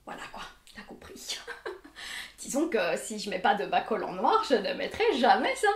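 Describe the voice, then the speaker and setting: A woman's voice: mid-range voice, very animated, normal speed. Belgian woman, young, talkative and self-deprecating vlogger; roomy echo, a step from the mic. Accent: Belgian French. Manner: chatty, self-mocking, laughs often. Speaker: fashion vlogger. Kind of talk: casual try-on haul chat. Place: bedroom with mirror. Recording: echoey room, mic at a distance.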